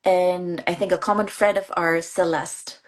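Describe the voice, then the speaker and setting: A woman from the Philippines answers questions on a live online interview in a low, soft-spoken voice. She talks earnestly, often restarting phrases and laughing lightly between thoughts. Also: fairly even intonation, a little slow. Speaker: guest, course graduate.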